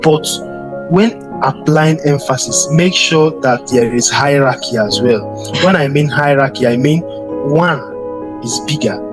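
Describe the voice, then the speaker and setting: Male instructor, slightly high voice, halting lecture, music bed loud under him. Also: rough recording. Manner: repeats words and restarts, addresses students directly. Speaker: design instructor. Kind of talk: classroom lecture on slides. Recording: voice over strong background music.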